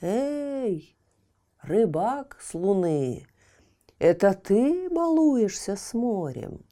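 A woman voicing an old male wizard in a storybook, grave and commanding, with a slow, deliberate delivery. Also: medium pitch, very animated, warm tone. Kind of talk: storybook character voice.

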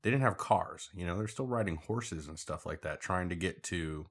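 A man's voice: low voice, moderate pace, slightly rough. A man from Puerto Rico, a podcast guest, talking in a dry, teasing, matter-of-fact way. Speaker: guest, host's older brother. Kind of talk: casual podcast chat.

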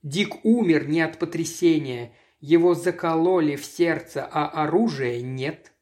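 A man's voice: on the high side, a little slow, a little mellow, lightly acted. A reader voicing an agitated young man who speaks in urgent, stammering outbursts. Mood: grim.

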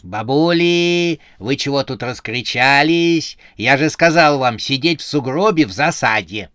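A man's voice: medium pitch, lively intonation, normal speed, sharp tone, no room sound, studio quality. A man voicing a bossy, short-tempered snow maiden chief who scolds and barks orders at her helpers. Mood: scolding.

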